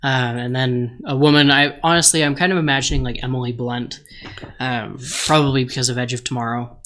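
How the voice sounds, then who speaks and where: A man co-hosting a podcast, casually pitching a story idea with lots of ums and restarts. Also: steady tone, brisk, fairly bright tone. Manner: hesitant, many ums and restarts. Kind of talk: casual chat.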